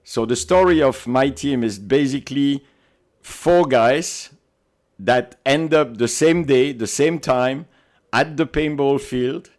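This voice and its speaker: This podcast guest is a man from Belgium who speaks non-native English with a Belgian accent. Slow and mid-range, his voice has a darkish tone as he animatedly tells stories in a relaxed interview conversation.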